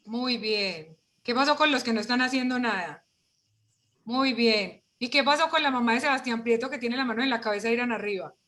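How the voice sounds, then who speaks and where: A woman leads a parents' workshop online, her slightly high voice coming fairly quickly over the video call. Her delivery is lively, packed with rhetorical questions.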